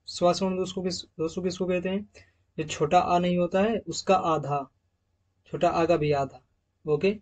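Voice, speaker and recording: A man teaching pronunciation from slides, addressing viewers as friends and repeating example words slowly. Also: a little high, a little mellow. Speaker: English teacher. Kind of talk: slide-based pronunciation lesson.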